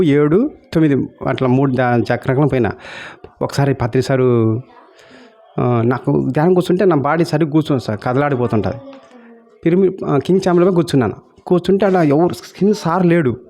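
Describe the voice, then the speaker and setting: A man's voice: fairly high pitch, mellow. A man from Kurnool, telling his own meditation experience as a testimony. He keeps calling the listener "sir" and acts out the dialogue he quotes. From Kurnool, India. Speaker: meditation practitioner sharing experience. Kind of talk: personal testimony.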